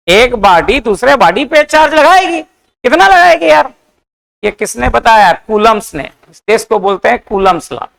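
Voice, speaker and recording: High, gravelly-voiced male physics teacher. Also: fairly bright tone, low-quality recording. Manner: asks questions and answers them himself, repeats key points; dictates definitions slowly. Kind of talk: classroom lecture.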